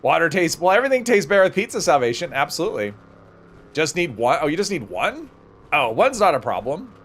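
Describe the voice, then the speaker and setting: A man's voice: a little high, sing-song, a little fast, fairly bright tone. A man hosting a livestream, casually thinking aloud as he plays and rambling off into conversational asides. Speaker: livestream host.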